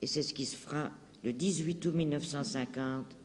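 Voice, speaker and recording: A high-voiced man delivers a political speech with long reverberation trailing each phrase. He is declamatory and impassioned, leaning hard on key words and phrasing them for dramatic weight. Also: steady tone, normal speed, slight background noise. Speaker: political speaker.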